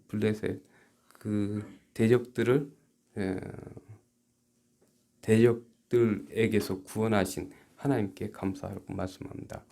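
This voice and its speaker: With a fairly low, gravelly voice, a man from South Korea preaches to his church as its pastor. He speaks haltingly, alternating soft asides with forceful rhetorical questions.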